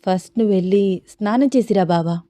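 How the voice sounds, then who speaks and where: Narrator as stubborn young heroine, pleading, defiant, dry mic. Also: female voice, mid-range voice, fast, mellow, no echo, lightly acted. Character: stubborn devoted young woman, cousin.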